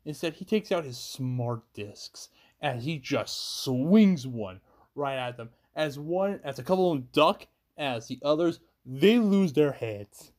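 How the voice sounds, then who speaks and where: Slow, rambling young-sounding male storyteller. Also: on the high side, animated, darkish tone. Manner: rambling, chains events with "as", frequent restarts. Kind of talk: improvised fan-fiction narration.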